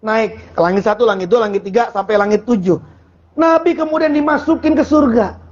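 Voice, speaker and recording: A man's voice: extremely high pitch, a little fast, dull audio. A man preaching an informal Sufi sermon in a colloquial, joking way, often putting questions to the audience. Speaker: Islamic preacher.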